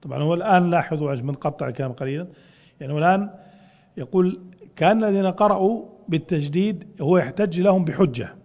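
رجل يشرح نصًا في درس، ويطرح أسئلة ثم يجيب عنها بنفسه. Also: male voice, a little high, very fast, darkish tone, in a large hall. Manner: explains with questions he answers himself. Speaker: teacher explaining a classical text. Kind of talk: lecture.

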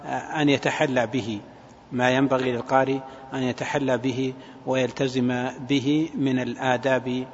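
A man giving a religious lecture in a measured, hesitant way, often repeating his phrases. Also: medium pitch, little pitch movement. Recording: dull, echoing hall, faint noise.

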